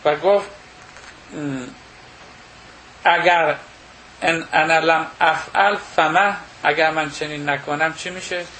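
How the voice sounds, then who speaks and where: Male lecturer with a fairly high voice who reads a religious passage slowly, then explains it in relaxed everyday talk. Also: slight background noise, poor audio. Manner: thinking aloud with pauses and self-corrections. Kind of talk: reading and explaining a religious text.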